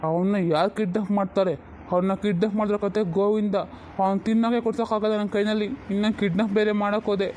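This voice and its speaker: A man's voice: high voice, little pitch movement, quick pace, darkish tone, a little hiss or hum, lightly acted. A man voicing a defensive estranged father, protesting and complaining.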